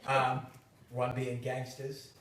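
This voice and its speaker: Recorded from a distance in an echoey room with slight background noise, a Boston man in his thirties hosts a casual chat, animated, laughing and restarting often in his Boston accent. Yet his medium-pitched voice sounds monotone and slow, a bit bright.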